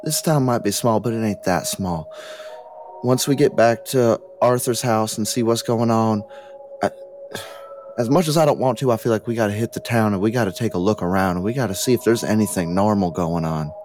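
A man playing a tabletop game, talking in character with a gruff, rallying manner. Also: lowish voice, brisk, darkish tone, faint music behind. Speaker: player. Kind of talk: in-character role-play talk.

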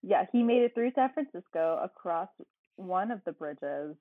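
A woman's voice: lowish voice, lively intonation, moderate pace, dry recording. A woman co-hosting a podcast, casually recapping a movie plot with dry asides. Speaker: podcast co-host. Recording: tinny phone-like line.

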